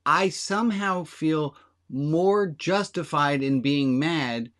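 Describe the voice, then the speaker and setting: A man leads a relaxed service with his voice pitched a little high. He talks candidly and pokes fun at himself. He sounds like he is chatting rather than preaching. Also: takes it slowly. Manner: candid, self-deprecating, chatty. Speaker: rabbi leading a service. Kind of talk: conversational sermon with congregation.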